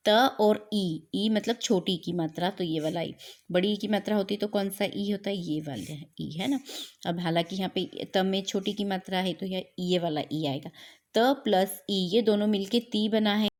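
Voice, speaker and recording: A woman's voice: medium pitch, moderate pace, darkish tone. A woman teaching grammar in a classroom-style lesson, repeating each point and asking questions she then answers, with English words mixed in. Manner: mixes English words into Hindi.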